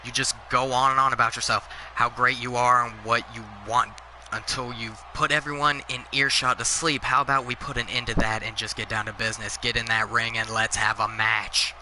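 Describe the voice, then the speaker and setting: A man's voice: mid-range voice, flat delivery, a little fast, few pauses, bright, forceful tone, slight background noise, low-quality recording. A man voicing a brawny male wrestler who is making threats, reading the promo lines in his plain voice without attempting an accent. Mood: threatening.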